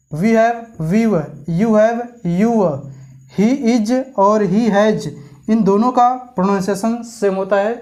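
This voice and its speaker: A teacher gives a spoken grammar lesson. They read forms slowly one by one, then explain more quickly and keep quizzing the listener with repeated questions. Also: mid-range voice, a little mellow. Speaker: English teacher.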